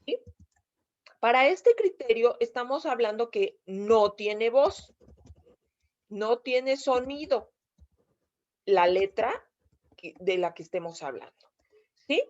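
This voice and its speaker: A woman's voice: fairly high pitch, lively intonation, slow, long pauses, darkish tone. Patient Mexican woman teacher, dull lo-fi audio. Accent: Mexican Spanish. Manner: patient step-by-step explaining, checks understanding with frequent "¿sí?". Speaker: English teacher. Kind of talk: video lesson explaining grammar.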